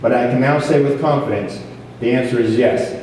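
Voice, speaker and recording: A man's voice: medium pitch, fairly quick, darkish tone. A man giving an earnest, formal prepared speech as the leader of a program. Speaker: police officer speaking as program leader. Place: large echoing hall at a school ceremony. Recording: echoey hall from far off, faint noise.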